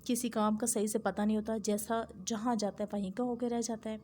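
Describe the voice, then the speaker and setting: A woman teacher voicing a fussy, nagging middle-aged wife who scolds and frets in a quick stream of complaints. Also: on the high side, flat delivery, mellow, slight background noise, natural voice. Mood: fussing. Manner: scolding, fretful chatter.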